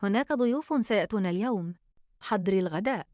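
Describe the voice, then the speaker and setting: A woman's voice: mid-range voice, animated, quick pace, darkish tone, no echo, clean studio sound, natural voice. A woman voicing a cold, domineering older mother-in-law who talks in a curt, dismissive way.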